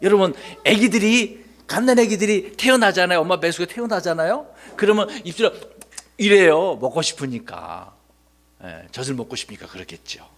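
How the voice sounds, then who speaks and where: A male pastor gives a children's Sunday school sermon in a brisk voice that sits high. He is animated, asking the children questions and calling on them by name.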